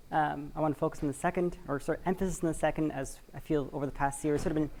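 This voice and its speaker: A woman from Washington State, USA, speaks on a conference stage before an audience on behalf of a community cooperative. Her voice is low, gravelly and dark, and her live talk is conversational, full of fillers and hedging words.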